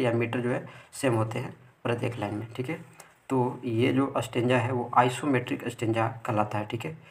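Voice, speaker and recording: A man giving a video lesson on poetry forms, at an ordinary middle pitch for a man. He reads English definitions slowly and explains them in a plain teaching manner, pausing often to check that his students follow. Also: creaky. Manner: mixes Hindi explanation with slowly read English definitions, frequent "ठीक है" checks.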